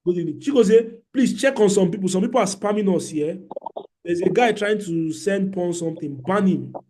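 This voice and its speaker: A man with a Nigerian accent hosting an online trading class, animated, joking and exclamatory, speaking into a computer mic on a video call. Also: high voice, fairly quick. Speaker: trading webinar host.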